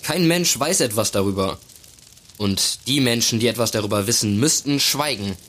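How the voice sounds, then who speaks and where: A young actor playing a polite, somewhat hesitant journalism student in a radio play. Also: male voice, medium pitch, lively intonation, moderate pace, a bit bright. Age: young adult.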